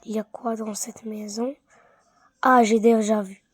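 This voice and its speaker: A woman's voice: on the high side, flat delivery, unhurried, slightly rough. A woman giving casual gameplay commentary, muttering half-whispered asides to herself, repeating words and sounding easily bored. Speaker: gaming streamer.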